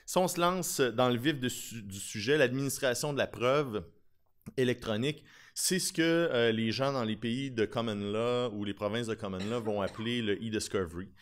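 At a lectern in a conference room, a thirty-something man with a Québécois French accent speaks into a podium gooseneck mic at a moderate pace in a mid-range voice. As a lawyer specializing in digital forensics, he delivers his conference talk informally and chattily, with self-deprecating humour.

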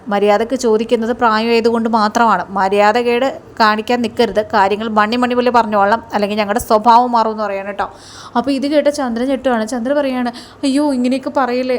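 Rapid chatty woman recapping a serial. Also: on the high side, darkish tone, slight background noise. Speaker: serial episode reviewer. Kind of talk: casual spoken recap of a TV serial.

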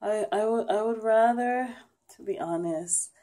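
A sad, emotionally weary woman talking haltingly and quietly in a casual personal vlog. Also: medium pitch. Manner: subdued, hesitant, halting. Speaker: vlogger. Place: wood-panelled basement room at home, indoors. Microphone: handheld camera at arm's length.

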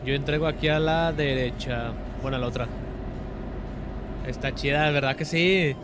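A young man with a Mexican Spanish accent, casually commenting on a driving game with joking, excitable outbursts. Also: medium pitch, normal speed, music in the background. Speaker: streamer.

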